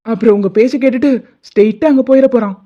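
A woman voicing a cautious young man in an animated drama, warning his friend in a joking way. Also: fairly high pitch, racing, natural voice. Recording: dull lo-fi audio.

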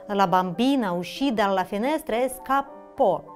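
A woman reading a fairy tale for children aloud, whose first language is Russian, with a slow, expressive storybook delivery and faint music behind. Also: mid-range voice.

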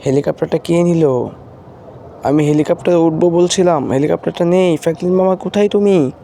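A man voicing Shinchan, an excitable little boy who keeps calling out loudly during a mobile game roleplay. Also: on the high side, brisk, gravelly. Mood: worried. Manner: calls out loudly and repeatedly.

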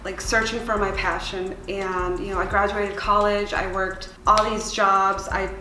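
This music video creator, in her late twenties, came from El Salvador to Chicago at age six, and her medium-pitched voice moves little in pitch at a measured pace, with a bit of hiss or hum. In a casual, reflective interview she speaks openly, peppering her talk with "like" and "you know." The small, window-lined room is bright, and the audio echoes with music beneath it.

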